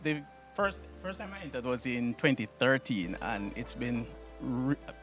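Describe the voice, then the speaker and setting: Mid-pitched man answering haltingly. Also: sing-song, fairly bright tone. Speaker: interview guest, artist. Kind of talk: casual interview answers. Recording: music behind the voice. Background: music.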